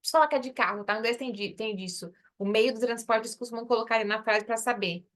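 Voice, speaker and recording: A woman teaches English in an online lesson, her voice sitting a little high. She explains step by step and repeats phrases to drill pronunciation. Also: fast talker.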